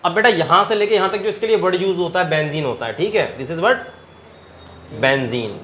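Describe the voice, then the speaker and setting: A man's voice, pitched high, lecturing in a Hindi-speaking Indian accent. He is a chemistry teacher who drills his students with quick questions and calls them beta as he goes. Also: a bit bright, a little hiss or hum. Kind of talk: classroom lecture at a board.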